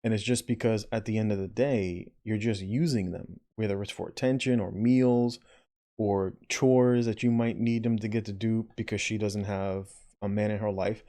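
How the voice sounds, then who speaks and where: Blunt man commenting, mellow voice. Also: fairly low pitch, fairly even intonation, normal speed. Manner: blunt, keeps tagging "right?", swears. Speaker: video commentator. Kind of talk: reaction commentary on a played clip.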